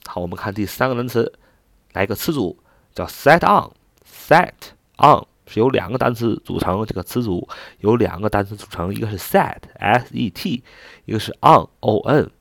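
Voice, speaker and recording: A man with a lowish voice teaches vocabulary in a patient, explanatory way. His pitch moves a lot as he spells each word out letter by letter and repeats it. The recording is dry and close, with no room sound. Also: expressive, normal speed, gravelly, fairly bright tone, dry recording. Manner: patient, step-by-step explaining with filler particles.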